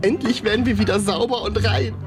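A woman's voice: mid-range voice, fairly even intonation, a little fast, music in the background, natural voice. A woman playing a cheerful, naive, loving male wool sock in a German audio drama. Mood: tender, eager.

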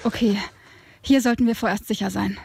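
A woman's voice: mid-range voice, steady tone, fairly quick, creaky, noisy background, natural voice. An actress playing a cheeky, unfazed tribeswoman in an audio drama, with a casual, mocking manner. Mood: brisk, helpful. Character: cheeky, unfazed tribeswoman, teasing but helpful rebel.

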